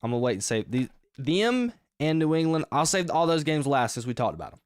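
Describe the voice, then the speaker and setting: A man hosting his own sports podcast, talking through his game picks in a casual, energetic, rambling way with emphatic outbursts. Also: on the high side, a little fast, no echo, studio quality. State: short of breath.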